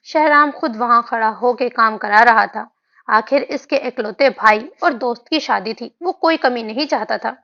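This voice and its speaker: A woman narrating a romance novel in an even storytelling way. Her voice sits fairly high, and the recording is dull and lo-fi. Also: moderate pace. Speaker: audiobook narrator. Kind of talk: reading a romance novel aloud. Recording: dull lo-fi audio.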